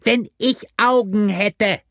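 A man's voice: sits high, takes it slowly, fairly bright tone, no echo, studio quality, voice pushed up, full character voice. A man voicing a furious blind old pirate beggar who shrieks curses and barks orders at his gang. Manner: shrieking, cursing, barking orders. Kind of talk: audiobook character voice.

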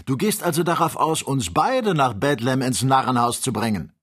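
A man voicing an agitated, blunt Scottish hunter who bursts out loudly and indignantly. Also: mid-range voice, moderate pace, slightly rough, pitched above the performer's own voice. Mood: incredulous. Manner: loud, indignant outbursts.

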